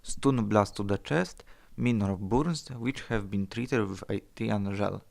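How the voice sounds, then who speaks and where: An actor playing a wiry, gray-haired older ship's doctor with a heavy Polish accent, clinical and reassuring. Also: male voice, on the low side, slow pace, vocal fry, darkish tone.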